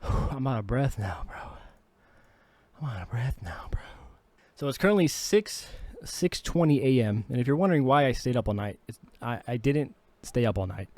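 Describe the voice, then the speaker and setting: A man's voice: mid-range voice, dark tone, no room sound. A man vlogging about producing his own song, talking in a laid-back, slangy, chatty way. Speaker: music producer and singer. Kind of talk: casual vlog talk.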